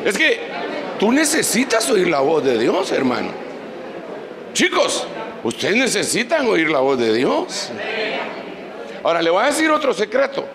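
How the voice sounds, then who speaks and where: A man's voice: sits high, huge pitch swings, a little slow, creaky, long pauses, echoey room, in a large hall, crowd noise, poor audio. A man preaching a sermon as pastor, leading the congregation in prayer. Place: church.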